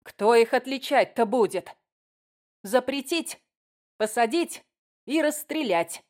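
A woman reading an audiobook, voicing a distraught middle-aged mother who shouts and sobs. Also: expressive, takes it slowly. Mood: sobbing, shouting. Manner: shrill, tearful shouting.

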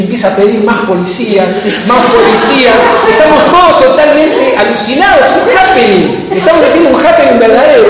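A man with a Rioplatense Spanish accent giving a lecture to clowns, telling a lively anecdote and acting out the voices of the people in it. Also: very high-pitched. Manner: animated, acts out voices in anecdotes. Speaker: clown teacher giving a talk. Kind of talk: storytelling lecture. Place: large hall at a convention. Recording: echoey hall from far off, noisy.

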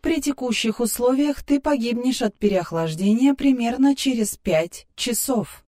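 A man voicing a calm, precise female assistant who speaks in detached, clinical terms. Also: very high voice, a little slow, voice pushed up. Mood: clinical, composed.

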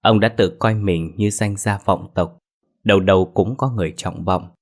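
A man reading a scripted ghost story as narrator, steady and measured. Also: sits low.

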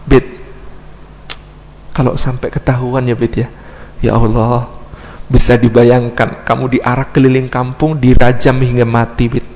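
A man's voice: medium pitch, level tone, a little slow, long pauses, darkish tone, pitched below the performer's own voice, lightly acted. A man voicing a sly male devil who coaxes and mock-pities his victim, with a long hall reverb. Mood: hushed coaxing. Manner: coaxing, wheedling, mock-pitying.

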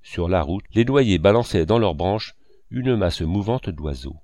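Expressive male audiobook narrator. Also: deep voice, unhurried, no echo.

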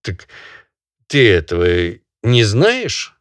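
A pompous country gentleman, voiced by a man reading aloud scolds and moralizes in a slow, drawn-out tone. His pitch swings widely as he preaches, and the sound is dry and close for a storybook reading. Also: wildly swooping pitch, no room sound, heavily acted. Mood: indignant scolding. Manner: sanctimonious, drawn-out lecturing.

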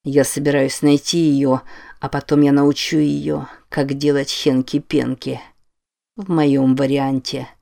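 A hoarse, volatile, menacing man, voiced by a male reader in an audiobook. The delivery stays flat and threatening. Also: mid-range voice, unhurried. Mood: menacing whisper.

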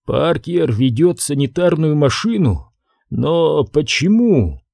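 A male reader voices a wounded man in a hardboiled audiobook, weak and straining for each word. The delivery is slow and soft, recorded dry and close. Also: fairly high pitch, big pitch swings, vocal fry, no room sound, exaggerated voice. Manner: faint, strained whisper-like.

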